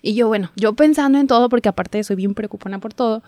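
Chatty young woman, higher voice. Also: fast, a little mellow, no echo, clean studio sound. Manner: chatty storyteller, laughs often, acts out quotes. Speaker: guest, TV reporter. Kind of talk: casual interview chat.

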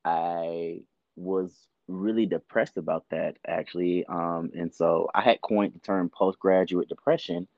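A podcast guest who is an actor and producer from Georgia in the US South talks candidly in a casual interview, chatty and full of fillers. His voice is low, gravelly and a little slow. The recording is dry, with narrow, tinny audio.

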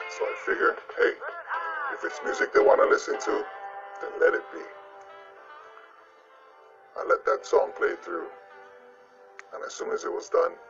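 A man's voice: very high voice, creaky. A police officer with an electronically disguised voice, telling a ghost story from his patrol in a plain, matter-of-fact way. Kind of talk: recounting a personal ghost story in an interview. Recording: muffled lo-fi audio, distant mic, loud music bed.

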